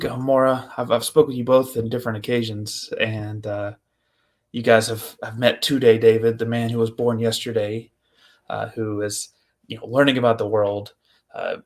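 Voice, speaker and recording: A man hosting a casual interview, rambling with many fillers and a playful tone. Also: mid-range voice. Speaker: host.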